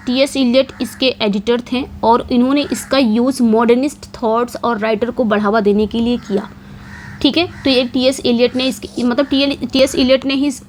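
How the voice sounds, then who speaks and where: A woman teaching English literature for an exam, posing questions and answering them herself. She repeats key points and reads the English quiz questions slowly. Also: fairly high pitch, darkish tone, slight background noise. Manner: repeats key points with frequent check-ins. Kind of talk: exam-prep lecture.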